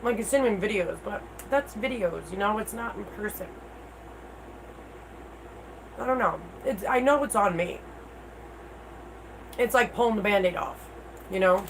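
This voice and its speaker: A middle-aged woman talks casually to her livestream viewers in a candid, unpolished way. Her speech sounds toothless, at an ordinary female pitch. There is faint noise from the room around her. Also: normal speed. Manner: candid, informal, mild swearing. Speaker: livestream host.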